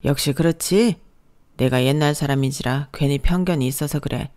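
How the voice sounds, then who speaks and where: A reader voicing a gruff, old-fashioned father-in-law who speaks in a blunt, folksy way. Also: a little high, normal speed, darkish tone, close to an everyday voice. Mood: grudging.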